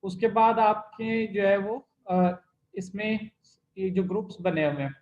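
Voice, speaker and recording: A man's voice: sits high, a little slow, darkish tone. A man teaching an online Chinese class, patiently explaining listening exercises and repeating his instructions. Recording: dull lo-fi online class audio.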